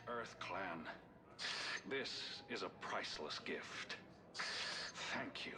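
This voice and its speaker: A man voicing a solemn, grateful alien in a video game, with formal, deliberate, stately speech. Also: low-pitched, animated. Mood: solemn gratitude.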